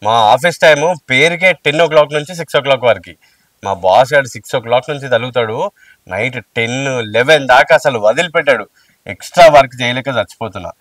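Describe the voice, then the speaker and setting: A man as anxious pleading husband, quick speech, distant mic, soft music behind. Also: medium pitch, no room sound, natural voice. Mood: casual. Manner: pleading, soothing. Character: worried, apologetic young husband. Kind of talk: short film acting.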